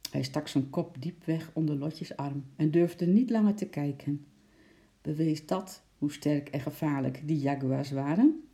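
Storybook reader with a very dark, mellow tone, steady and expressive. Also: mid-range voice, a little slow, vocal fry. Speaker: narrator. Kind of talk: reading a children's storybook aloud.

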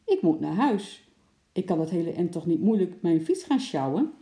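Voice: mid-range voice, very animated, normal speed, dark tone. A reader voicing an indignant, complaining tall, thin woman in a children's storybook. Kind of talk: storybook reading. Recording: echoey room.

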